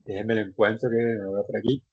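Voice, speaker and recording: A man's voice: on the low side, fairly even intonation, brisk, husky. Patient male teacher on a lo-fi call. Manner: patient, explanatory, repeats and restarts words. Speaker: English teacher. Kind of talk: online class explanation in Spanish. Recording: dull lo-fi online class audio.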